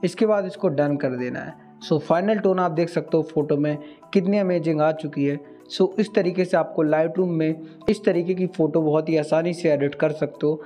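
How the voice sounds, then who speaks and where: A man, giving a steady step-by-step software tutorial as a video host. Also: a little high, moderate pace, soft background music. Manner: steady instructional, mixing English words into Hindi.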